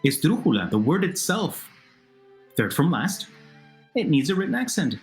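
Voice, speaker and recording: Male language teacher, lively pitch, patient question-and-answer narration, soft music bed. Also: moderate pace. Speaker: Spanish teacher. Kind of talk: narrated video lesson.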